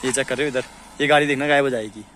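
A man's voice: medium pitch, steady tone, rapid-fire, a bit bright, a little hiss or hum. A young man chatting to the camera on an outdoor hill road during a casual motorbike travel vlog. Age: young adult. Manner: chatty, talks straight to the camera. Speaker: vlogger. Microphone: camera held at arm's length and helmet camera.

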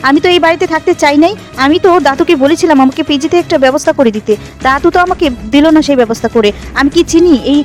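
A woman's voice: high voice, racing, faint music behind, lightly acted. A woman reading as an indignant young woman. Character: angry young woman defending herself.

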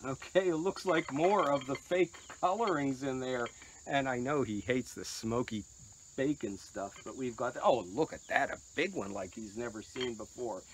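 A man's voice: medium pitch, slight background noise, low-quality recording. An older man who vlogs about pottery, chatting casually as he serves treats to his dogs. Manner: chatty, talks sweetly to dogs, slow and lively. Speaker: potter and vlogger.

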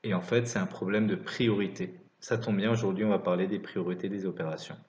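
Male maths teacher for lesson voice-over, lower-middle everyday pitch, dictates piece by piece, roomy and slightly dull recording. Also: fairly even intonation, brisk, darkish tone. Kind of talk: scripted lesson narration.

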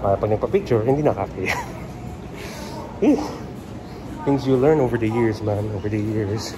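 A man's voice: lowish voice, expressive, normal speed, a crowd in the background. A man with a Filipino accent, vlogging in casual Tagalog-English chat through a face mask, laughing often. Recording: loud background music. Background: loud music.

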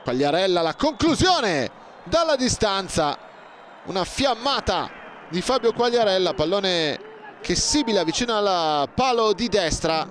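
A man commentating on football in breathless, excited goal-call style, shouting and stretching out his words. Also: high voice, unhurried. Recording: crowd roar and stadium noise behind. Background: loud stadium crowd.

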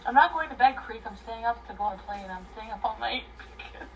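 Drunk, emotional woman with high swooping voice. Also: expressive, a little fast, far from the mic, a little hiss or hum, rough recording. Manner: emotional, swinging between crying, laughing and shouting. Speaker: livestreamer chatting with viewers. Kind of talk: casual live chat, rambling and profane. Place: small bedroom, indoors.

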